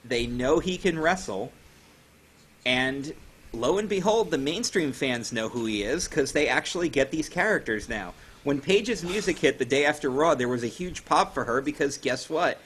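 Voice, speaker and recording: A man's voice: mid-range voice, animated, normal speed, fairly bright tone, a little hiss or hum. A man co-hosting a casual podcast chat, sarcastic and opinionated. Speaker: podcast co-host.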